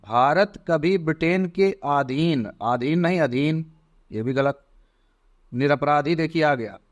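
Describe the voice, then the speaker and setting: A man teaching an exam prep lesson, slowly spelling out words one by one. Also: mid-range voice.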